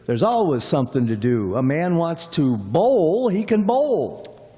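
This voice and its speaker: A man's voice: on the high side, very animated, measured pace, warm tone. A man playing a chatty, folksy middle-aged cab driver in a radio play, rambling on in a drawl. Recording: long hall reverb.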